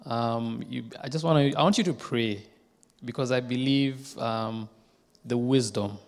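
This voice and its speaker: A man from Kenya, leading a church service and speaking to the congregation with frequent hesitations. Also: medium pitch. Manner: warm, halting, lots of "um" and restarts. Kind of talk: addressing a congregation. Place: church sanctuary. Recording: echoey church hall with congregation.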